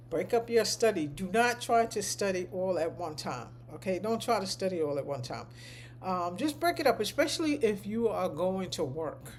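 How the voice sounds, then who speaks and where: On a live stream, a medical coding instructor with a deep voice talks informally to her students, wandering off on tangents and repeating herself to drive points home. There's a faint hiss or hum in the recording.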